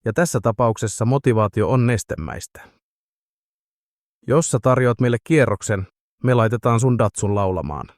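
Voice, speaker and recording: A man's voice: medium pitch, a little mellow, dry recording, clean studio sound, close to an everyday voice. A man voicing a swaggering, boozy middle-aged drunk in an audiobook. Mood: cocky. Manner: cocky, swaggering.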